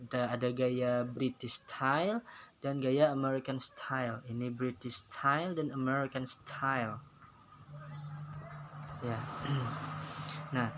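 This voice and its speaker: Indonesian guy teaching english online, super slow, says everything twice, traffic noise behind. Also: mid-range voice, steady tone, a bit bright. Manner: slow, repetitive, explains each phrase then translates it. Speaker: Islamic school English teacher. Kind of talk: recorded online lesson.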